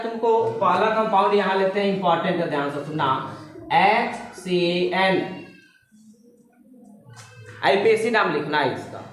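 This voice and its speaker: A woman tutoring chemistry in a classroom lecture. She spells terms out letter by letter and keeps quizzing her students with quick check questions. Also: fairly low pitch. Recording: very echoey classroom with students audible.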